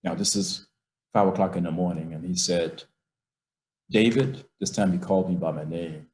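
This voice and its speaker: A middle-aged man with a fairly low voice tells a family memory at a slow, emphatic pace, acting out the lines of the people in it. He speaks from his office, and the sound carries a noticeable room echo. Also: steady tone, darkish tone. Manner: slow, emphatic storyteller who acts out his father's words. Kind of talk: personal storytelling.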